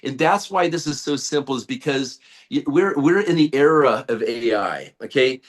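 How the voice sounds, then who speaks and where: Rambling man pitching on a call. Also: animated, moderate pace. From United States. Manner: rambling, many fillers and restarts, hype-driven. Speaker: guest, network-marketing leader. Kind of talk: sales pitch on a group call. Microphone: video call.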